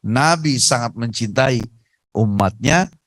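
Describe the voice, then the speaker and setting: A man preaching on a radio talk show, telling stories in a lively, emphatic way. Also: medium pitch, slow pace, dry recording, poor audio. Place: radio studio.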